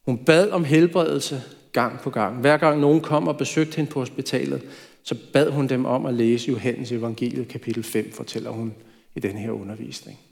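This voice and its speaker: A man's voice: medium pitch, fairly even intonation, creaky. A man preaching a sermon in a church, talking in a conversational way with light asides. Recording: reverberant church hall.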